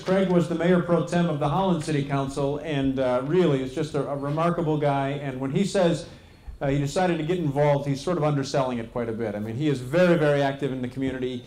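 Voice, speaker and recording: A man's voice: on the high side, slight background noise. A middle-aged American man with a genial, joking manner, informally introducing people as host of a live event on a handheld microphone. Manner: jokey, genial. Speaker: mayor acting as event host. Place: event tent with seated audience. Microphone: handheld stage microphone. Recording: echoey event tent, audience murmur.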